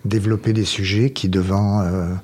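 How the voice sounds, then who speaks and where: An older man from Marseille, a guest on a radio chat show. He is talkative and searches for his words, with frequent pauses. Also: lowish voice, little pitch movement, darkish tone. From Marseille, France.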